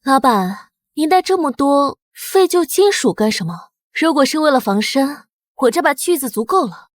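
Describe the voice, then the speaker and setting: A woman's voice: high-pitched, lively intonation, moderate pace, dry recording, clean studio sound. A woman voicing an earnest young shop assistant who reveres her boss, in a motion comic.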